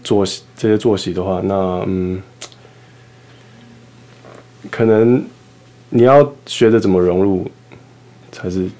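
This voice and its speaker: A young man answering interview questions hesitantly, pausing with fillers as he thinks. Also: deep voice, dark tone. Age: young adult. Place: dark studio backdrop, indoors.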